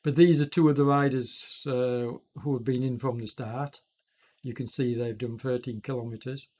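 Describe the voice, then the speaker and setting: This e-racing commentator and streamer calls a virtual bike race while congested with a chest cold. His mid-range voice is warm, fairly even in intonation and at normal speed, though he rambles, corrects himself and uses lots of fillers.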